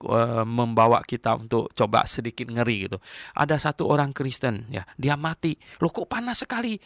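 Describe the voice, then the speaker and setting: An older male pastor preaching a Bible teaching sermon in an animated, emphatic way. He repeats key phrases and chuckles between points. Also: mid-range voice, no room sound, clean studio sound.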